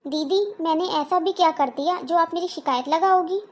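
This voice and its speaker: High-voiced polite young housewife, patient, cartoon, woman doing the voice. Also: normal speed. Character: patient hardworking young daughter-in-law. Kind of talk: cartoon voice acting.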